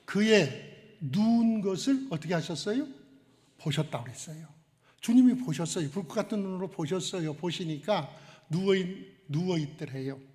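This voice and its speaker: A pastor preaches in a high voice and keeps asking his listeners questions. He acts out the lines he quotes. His voice rings with the long reverb of a church hall. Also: lively intonation, normal speed, a little mellow. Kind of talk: sermon. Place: church sanctuary.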